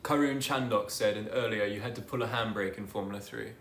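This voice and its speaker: A man's voice: fairly low pitch, fast, fairly bright tone, roomy sound, slight background noise. A man in casual race commentary, easygoing and often hesitant.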